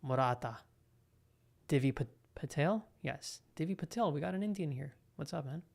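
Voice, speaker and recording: Young guy reacting live to a football match, gets excited, talks to chat, voice a bit high. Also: normal speed, creaky. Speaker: live football stream host.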